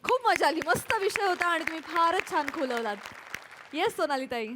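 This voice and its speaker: A woman hosts a live stage show in a very high voice. A crowd is clearly heard behind her amid loud noise. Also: animated, moderate pace. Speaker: show host. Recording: noisy hall with audible crowd.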